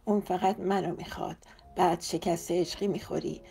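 A woman voicing a dignified, polite man with a gentle, composed manner, in an audiobook. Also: on the low side, fairly even intonation, gravelly. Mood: calm. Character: dignified, courteous older brother, gentle.

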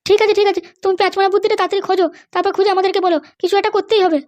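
A woman's voice: very high voice, little pitch movement, rapid-fire, a little mellow, no room sound, pitched above the performer's own voice. A woman voicing an anxious, pleading middle-aged mother in a cartoon, fretful and insistent. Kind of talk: cartoon voice acting.

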